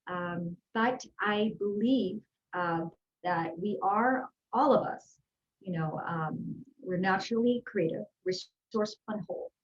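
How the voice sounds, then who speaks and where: Guesting on an interview via video call, a woman who coaches executives and people on life growth, originally from Houston, Texas, USA, replies warmly and earnestly in a conversational, upbeat style. Her pitch is fairly low, and the recording has its high frequencies cut off.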